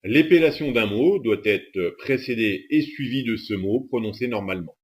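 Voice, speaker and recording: A man reading a scripted instructional narration in a steady, methodical way. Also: medium pitch, normal speed.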